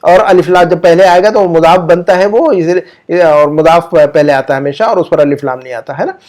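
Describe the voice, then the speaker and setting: A man with an Urdu-speaking accent teaches a grammar lesson online, explaining with patience, slowly repeating example sentences, and asking his students questions. His voice is fairly high in pitch with a darkish tone.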